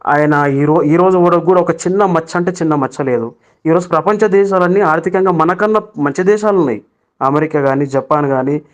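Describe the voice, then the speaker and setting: Man, Telangana Telugu accent, fairly high voice, urgent preachy voice message, lo-fi phone note. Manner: urgent and preachy, with frequent restarts. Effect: recorded voice message sent to a chat group. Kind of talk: persuasive political voice message.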